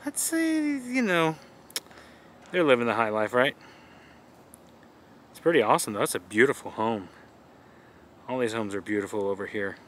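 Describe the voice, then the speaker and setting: A man's medium-pitched, sing-song voice carries this outdoor travel vlog at a moderate pace with long pauses. The vlogger tours a riverside walk with easygoing enthusiasm, and a little hiss or hum sits under the audio.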